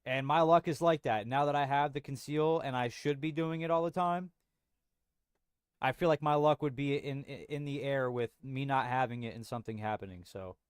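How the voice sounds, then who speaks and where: A man's voice: mid-range voice, normal speed, clean tone, dry recording, studio quality. A young man streaming from home, chatting casually with viewers in a rambling, slangy way full of restarts. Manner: rambling, frequent restarts and slang, says bro a lot. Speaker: livestream host.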